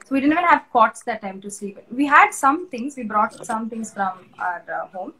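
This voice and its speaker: A woman's voice: on the high side, animated, normal speed, bright, forceful tone, poor audio. A young woman with an Indian English accent, sharing a personal faith testimony in an interview, earnest and conversational with many fillers. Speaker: interview guest.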